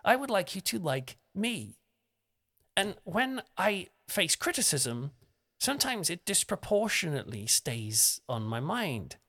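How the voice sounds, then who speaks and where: A man's voice: high voice, big pitch swings, a little slow, a bit bright. A young man giving a conversational, self-deprecating devotional talk as a preacher. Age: young adult.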